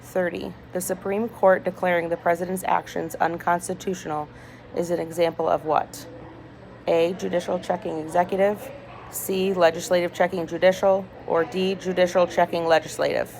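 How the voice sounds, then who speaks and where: A woman reading multiple-choice test questions aloud item by item in a hospital room, deliberately and with small stumbles. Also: fairly low pitch, level tone, vocal fry, a little mellow. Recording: noisy hospital room with background chatter. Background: people talking, ambient noise.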